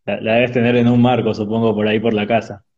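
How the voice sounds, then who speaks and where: With a fairly low, level and darkish voice, a man conducts a rapid-fire question round over a video call. His questions are brief and direct, with filler pauses. The call audio is remote, dull and lo-fi, and it turns choppy on the weak connection.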